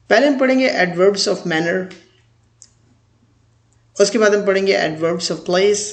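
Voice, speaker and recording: Male grammar teacher, high gravelly voice, slow deliberate drills. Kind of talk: grammar lecture.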